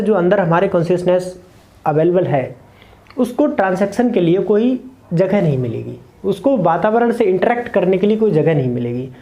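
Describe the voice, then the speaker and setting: A man's voice: sits high, mellow. A man teaching meditation to camera, explaining earnestly and repeating key points in short lists. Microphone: camera mic, speaking to camera.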